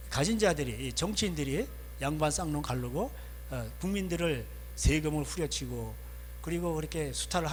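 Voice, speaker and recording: Male pastor, sermon delivery with frequent asides and rhetorical questions, somewhat high pitch, reverberant hall with a light mains hum. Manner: conversational preaching, frequent affirming "yes" asides and rhetorical questions. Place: church sanctuary.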